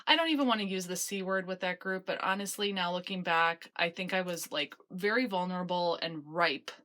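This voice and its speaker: A woman's voice: fairly low pitch, a little fast, sharp tone. A woman talking casually and confessionally to camera as a vlogger, chatty and self-deprecating with wry asides, recorded on a phone in a small basement closet. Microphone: handheld phone.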